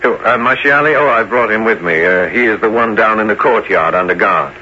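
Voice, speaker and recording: An actor playing a scheming, smooth-talking bishop in a radio costume drama, coaxing and conspiratorial. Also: male voice, fairly low pitch, brisk, sharp tone. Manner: conspiratorial, coaxing, hesitant "uh" interjections. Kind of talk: audio costume drama acting. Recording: muffled, noisy old radio-style recording.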